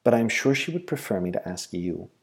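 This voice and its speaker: A man voicing a brisk middle-aged hospital matron who asks favors in a businesslike, polite way. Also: very deep voice, expressive. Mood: concerned.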